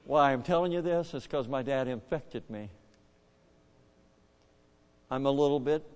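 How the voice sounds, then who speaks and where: An older man, a pastor, preaching a story-driven sermon, shifting from hushed asides to booming bursts. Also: long reverb tail. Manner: animated, swings from hushed to booming. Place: church.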